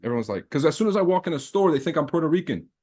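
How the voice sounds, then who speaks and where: Racing along in a slightly high, very animated and slightly mellow voice, a Lebanese trading livestream host talks with his live viewers. A native speaker of Arabic and French, he keeps the chat casual, slangy and boastful, with swearing sprinkled throughout.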